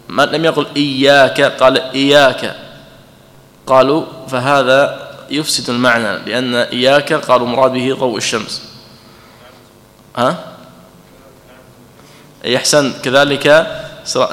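A man's voice: mid-range voice, pushed and bright. A man, a sheikh, lecturing on a text, explaining it point by point and checking in with his listeners. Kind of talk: lecture commenting on a read text. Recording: echoey hall.

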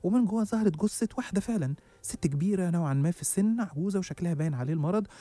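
A man with an Egyptian Arabic accent rattles through a suspenseful first-person horror tale at great speed. His voice is mellow and sits a little high, with faint music underneath. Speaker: storyteller host. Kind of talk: dramatic horror story narration.

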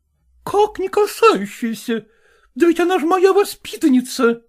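A man voicing an agitated middle-aged woman who runs a choir, exclaiming in a shrill, indignant tone. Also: lively intonation, measured pace. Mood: shrill outraged. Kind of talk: audiobook character voicing.

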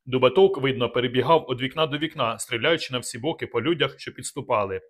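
A man's voice: mid-range voice, fast. Man reading a dramatic audiobook. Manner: dramatic first-person reading. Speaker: audiobook narrator. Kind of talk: scripted narration.

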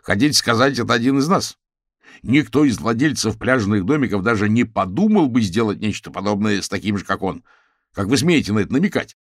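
A man's voice: lowish voice, expressive, fast, hardly any pauses, no echo, studio quality, voice pushed up. A man voicing an indignant agitator who accuses and riles up a crowd in an audiobook. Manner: loud, accusing, combative. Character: indignant middle-aged man stirring up a crowd.

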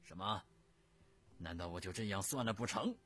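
A man voicing a hot-headed prince who protests loudly and indignantly. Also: low voice, lively intonation, moderate pace, a little hiss or hum. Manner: loud, indignant. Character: hot-headed middle-aged prince, blustering.

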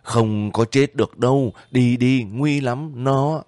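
A man's voice: mid-range voice, slow pace, a little mellow, no room sound, pitched above the performer's own voice, lightly acted. A man voicing a wounded male company commander who forces out clipped, stern orders. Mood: strained.

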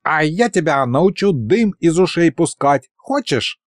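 A doddering old skeleton sorcerer, cranky and wheedling, his voice pushed high and whining as he begs; a man acts him out. The delivery swings widely in pitch. The recording is dry and close. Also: big pitch swings, unhurried, no echo. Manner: whiny, pleading.

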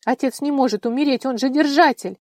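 A woman's voice: on the low side, measured pace, mellow, dry recording, studio quality. A woman voicing a proud, fierce young woman from another world, imperious and desperate in turn, in an audiobook.

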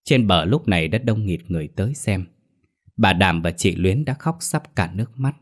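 A man tells a village ghost story in a deep, low voice. His carries a steady, dramatic delivery. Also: normal speed.

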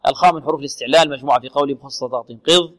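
Man teaching recitation in a reverberant hall. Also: mid-range voice. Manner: drills single words slowly, asks and answers his own questions. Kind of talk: tajweed lesson.

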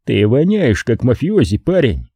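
A ruthless male vigilante speaks in clipped, icy threats, voiced by a male narrator. The voice is very dark and husky, delivered close and dry like an audiobook. He never sounds rushed, only cold. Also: mid-range voice, big pitch swings, no echo, exaggerated voice. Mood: cold threatening.

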